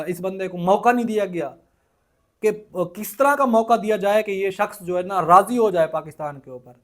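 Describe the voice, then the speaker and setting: A man from Punjab, Pakistan, giving indignant political commentary in a vlog, asking rhetorical questions and often pausing with hesitations. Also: high voice. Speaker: political vlogger.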